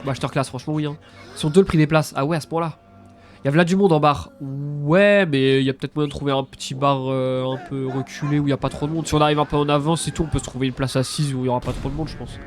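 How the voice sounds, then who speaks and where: A young man with a blocked, congested nose chats casually while streaming a game, soft music playing behind him. His voice is fairly high and fairly even, and he talks quickly but hesitantly, repeating words and swearing mildly.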